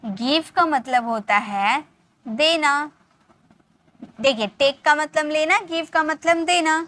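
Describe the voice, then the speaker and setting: Lady teaching english words, slow and clear, bright voice, spells stuff letter by letter. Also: high-pitched. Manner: spells words letter by letter and repeats them slowly. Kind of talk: spelling and pronunciation lesson.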